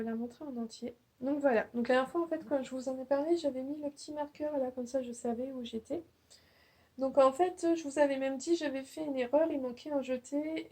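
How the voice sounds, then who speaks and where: A woman's voice: on the high side, a little mellow, slightly rough. A young woman hosting a knitting podcast, chatting casually and hesitantly, with many fillers and restarts. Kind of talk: casual show-and-tell chat.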